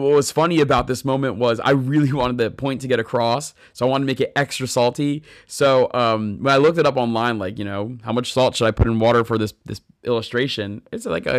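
A man's voice: medium pitch, no room sound, studio quality. A man hosting a casual Bible teaching talk as a youth pastor, earnest, telling stories and reading scripture aloud. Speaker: youth pastor podcast host.

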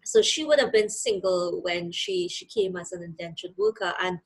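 A woman's voice: medium pitch, sing-song, moderate pace, vocal fry, slightly rough, low-quality recording. A woman from Trinidad and Tobago with a Trinidadian accent, a podcast guest talking reflectively about her family history and her work. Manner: thoughtful, reflective storytelling. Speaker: guest, financial literacy and credit counselor. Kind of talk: interview conversation.

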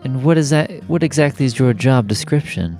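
A man's voice: mid-range voice, brisk, darkish tone. A man playing in a tabletop game, improvising in character with a hesitant, musing delivery. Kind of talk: in-character improvised role-play. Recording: background music under the voice.

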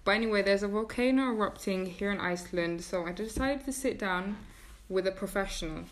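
A woman's voice: mid-range voice, brisk, very noisy. A young adult woman hosts a casual conversation, talking freely and with animation. She fills her sentences with "like" and "you know.". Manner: chatty, animated, many "like"s. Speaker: podcast host. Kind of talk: casual chat.

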